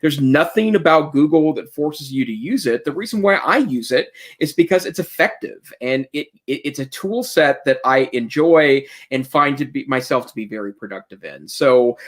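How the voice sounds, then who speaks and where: A man's voice: mid-range voice, animated, moderate pace, hardly any pauses. Opinionated man co-hosting a tech podcast. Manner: opinionated, earnest advice, many restarts. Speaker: podcast co-host. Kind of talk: casual tech chat.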